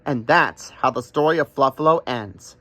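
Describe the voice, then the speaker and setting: A man's voice: mid-range voice, moderate pace, sharp tone, no echo. A man reading a rhyming picture book aloud in a playful, sing-song way. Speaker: storyteller.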